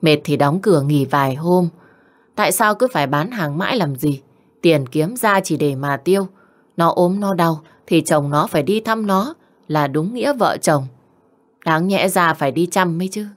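A woman voicing a mild older father-in-law who reasons gently with his wife. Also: lowish voice, expressive, moderate pace, natural voice. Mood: coaxing.

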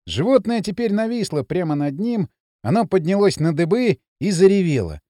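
Male audiobook narrator, high voice, very animated, dry close sound. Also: moderate pace, no room sound. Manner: expressive, dramatic reading. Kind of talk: scripted narration.

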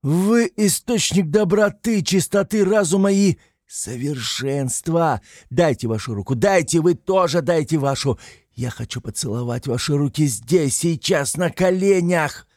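A man voicing an excitable, tipsy young man who rants passionately in an audiobook reading. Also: medium pitch, measured pace, creaky, no echo, studio quality. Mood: ecstatic. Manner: ranting, passionate, exclamatory.

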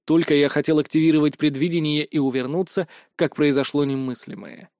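A man narrating a first-person novel as an audiobook, in a wry, lively reading. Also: a little high, brisk, no room sound, studio quality.

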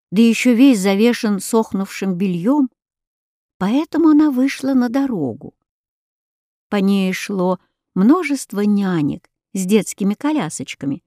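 A woman reading a fairy tale aloud in a calm, measured storytelling manner. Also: mid-range voice, no room sound, studio quality.

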